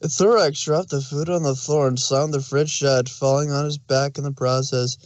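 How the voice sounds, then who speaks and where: A man reads a scripted fan fiction story aloud, narrating in a medium-pitched voice with fairly even intonation at a moderate pace. The recording is muffled, with no room sound.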